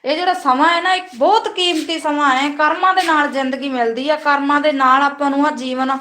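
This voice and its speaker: A woman's voice: sits high, fairly even intonation, a little fast, sharp tone, roomy sound, slight background noise. A woman with a Punjabi Malwa accent, hosting a casual motivational live stream, talking earnestly and often asking her viewers "right?".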